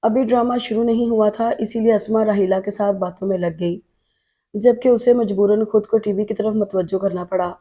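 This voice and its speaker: A woman narrating a novel in a steady, emotive audiobook reading. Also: mid-range voice.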